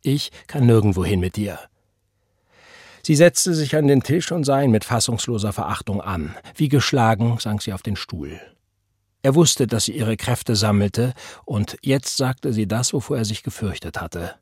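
A man narrating a novel in a measured, serious storytelling way. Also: mid-range voice, expressive, a little mellow, slightly rough, no room sound, clean studio sound. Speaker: audiobook narrator. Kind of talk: scripted narration.

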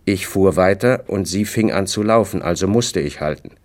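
A man reading a novel aloud in the first person, with measured, dry storytelling. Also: low voice, darkish tone. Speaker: audiobook narrator. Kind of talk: scripted first-person narration.

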